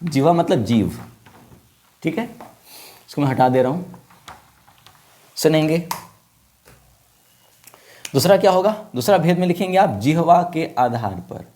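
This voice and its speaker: A man teaching young children, speaking slowly, repeating each point and asking the class questions. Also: on the high side, expressive, warm tone.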